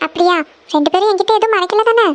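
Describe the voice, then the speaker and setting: Lady doing a nosy lil schoolgirl sis, super high squeaky voice, dry sound. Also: racing, dry recording. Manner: prying, insistent questioning. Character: curious schoolgirl little sister, nosy and teasing. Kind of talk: cartoon voice acting.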